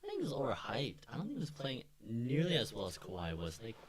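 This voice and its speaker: A man's voice: medium pitch, fast, a crowd in the background. A young man in a casual sports chat, hedging his opinions with many fillers. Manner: hedging, lots of likes, lively intonation.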